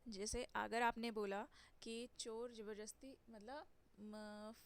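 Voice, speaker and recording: A young woman teaching English phrasal verbs in Hindi, repeating each word slowly with emphatic stress. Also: a little high, steady tone. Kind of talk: slow Hindi-English vocabulary lesson.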